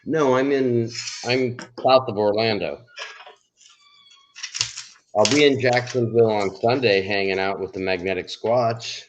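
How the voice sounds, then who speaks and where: Man, middle-aged, deep voice, casual conversational chat, livestream host. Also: fairly even intonation, measured pace, lo-fi sound, slight background noise.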